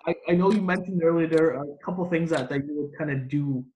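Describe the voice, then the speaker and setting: A man hosts an interview, asking reflective questions and filling pauses with "um" and "like." His voice is a little high for a man. The recording has a roomy echo around him. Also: darkish tone, a little hiss or hum. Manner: reflective, uses fillers like um and like. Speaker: host. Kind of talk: podcast interview.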